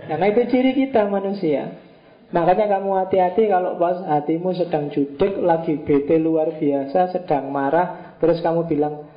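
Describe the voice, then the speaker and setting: A man giving a casual philosophy lecture, chatty and joking, with rhetorical questions. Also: a little high. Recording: roomy, dull lo-fi lecture recording.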